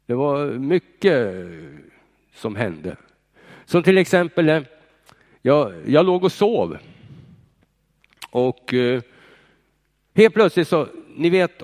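A man's voice: medium pitch, darkish tone. Man telling a testimony in a reverberant hall. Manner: storytelling, tags sentences with "va?". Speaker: speaker giving a testimony. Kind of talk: personal faith testimony to an audience. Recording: long reverb of a large hall.

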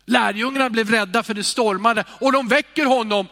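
A male preacher giving a sermon, moving between loud calls and hushed, sighing near-whispers. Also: extremely high pitch, gravelly, big-room sound.

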